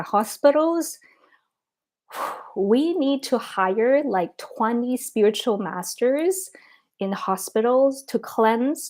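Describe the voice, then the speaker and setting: A woman's voice: medium pitch, darkish tone. Chatty woman answering viewer comments. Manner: chatty, frequent "like" and "um" fillers, laughs between thoughts. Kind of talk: casual livestream chat.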